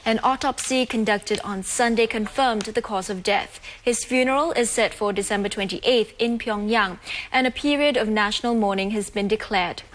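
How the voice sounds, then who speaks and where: Woman news anchor reading the bulletin. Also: mid-range voice.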